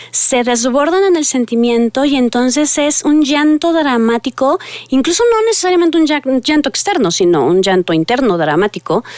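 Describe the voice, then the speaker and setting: A woman's voice: high voice, a little mellow, no room sound. A woman psychologist, giving earnest advice to parents and speaking directly to her listeners.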